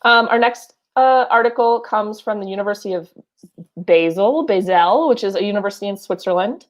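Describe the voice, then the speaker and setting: A podcast co-host with a Wisconsin accent reads news articles aloud and chats casually, filling in with lots of fillers and asides. Her mid-range voice is steady, and she talks fast.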